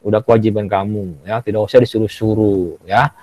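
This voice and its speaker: A man's voice: fairly low pitch, fairly even intonation, a little fast, darkish tone, no room sound. A male teacher with an Indonesian accent, teaching a class over a video call. He keeps adding "ya" and "gitu loh" and coaxes the children along. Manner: repeats "ya" and "gitu loh" often, coaxing; acts out children's tantrums in a raised voice. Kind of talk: online class lesson.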